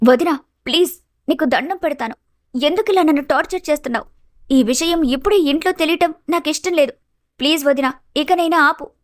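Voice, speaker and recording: A woman voicing a frightened young woman in an animated story, pleading in a hushed voice. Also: sits high, brisk, voice pushed up, close to an everyday voice.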